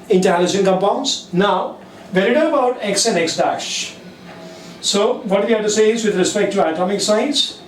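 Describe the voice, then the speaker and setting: Very slow-dictating Indian man teacher. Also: sits high, a little hiss or hum. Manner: slow, dictating key points word by word; mixes Hindi and English mid-sentence. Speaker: chemistry teacher. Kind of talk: classroom lecture. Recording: echoey room, mic at a distance.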